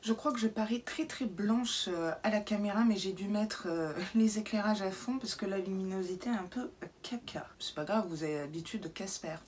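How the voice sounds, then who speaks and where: A woman vlogging an unboxing to camera, chatty and casual, sometimes dropping into soft asides, in a brightly lit indoor room. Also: medium pitch, moderate pace, hardly any pauses, over music. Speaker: beauty box unboxing vlogger.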